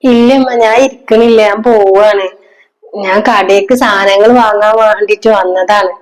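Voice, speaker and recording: Short-film daughter, a woman acting her: young adult, worn down, quiet and resigned. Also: mid-range voice, fairly even intonation, moderate pace, close to an everyday voice, low-quality recording. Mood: weary, resigned. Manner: subdued, resigned speech.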